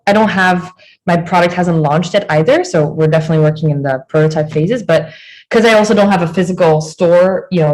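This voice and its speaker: A woman's voice: fairly low pitch, darkish tone, rough recording. Belgian-accented woman on a video call. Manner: earnest, long rambling answers. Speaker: guest, new fashion designer. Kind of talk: casual interview chat.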